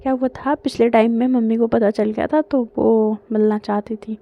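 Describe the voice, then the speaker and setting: A woman's voice: a little high, fairly even intonation, moderate pace, vocal fry. Woman voicing a flustered young woman. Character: young woman fretting over her father's marriage plans. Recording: dull lo-fi, dry.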